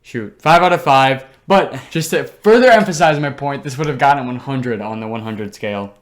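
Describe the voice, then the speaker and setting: A man's voice: mid-range voice, moderate pace. A young man co-hosting a casual podcast chat, enthusiastic and slangy, teasing his co-host.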